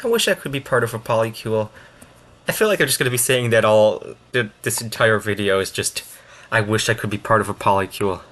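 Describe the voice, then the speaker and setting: A lowish, somewhat bright male voice offers loose reaction commentary for a video, unscripted and halting, trailing off mid-thought as he rambles.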